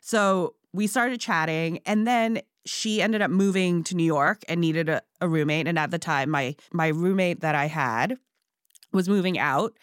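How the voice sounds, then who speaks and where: A woman talking about her baking in a relaxed, chatty way, full of fillers and quick asides. Her voice sits a little low. The studio sound is dry and close. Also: clean tone, no echo. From Singapore and Hong Kong. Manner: chatty, frequent fillers, laughs easily. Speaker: guest, pie baker. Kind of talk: casual interview chat.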